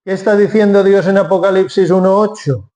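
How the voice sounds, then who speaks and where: A man's voice: sits high, steady tone, fairly quick, darkish tone. A man preaching a sermon from Spain, explaining step by step and asking then answering his own questions.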